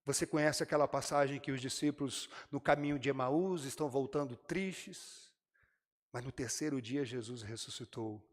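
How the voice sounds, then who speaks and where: A man's voice: mid-range voice, moderate pace, big-room sound. A man with a Brazilian Portuguese accent preaching a sermon to his congregation, acting out the characters' lines as he tells the story. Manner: addresses the congregation directly. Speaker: pastor. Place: church.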